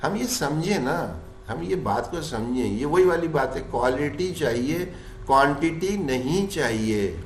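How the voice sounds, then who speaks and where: A man teaching a tajweed class, explaining the rules and then stretching words out slowly in chanted recitation, asking questions and answering them himself. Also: on the high side, animated, slight background noise. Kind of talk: tajweed lesson with recited examples. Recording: roomy echo.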